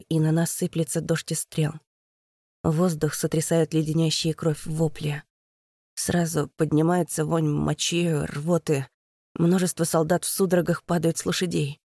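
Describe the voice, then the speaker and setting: A woman's voice: low voice, warm tone, no echo. A woman narrating a first-person fantasy audiobook in a tense, dramatic reading.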